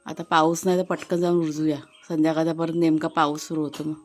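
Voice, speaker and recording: Woman, from Maharashtra, family vlogger, lowish voice, chatty explaining, outdoors, faint music behind. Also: level tone, a little fast. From Maharashtra, India. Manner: chatty and explanatory, speaks straight to viewers; calls out loudly to her dogs between remarks. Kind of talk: casual vlog narration. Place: outdoors in a rural garden.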